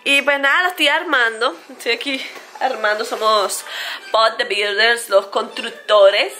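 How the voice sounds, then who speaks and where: A woman's voice: fairly high pitch, measured pace, pushed and bright, faint music behind. Chatty woman vlogging to camera. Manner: chatty, talks to viewers as friends. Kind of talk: casual family vlog chat. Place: home and outdoor café. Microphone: handheld camera at arm's length. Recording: noisy home recording.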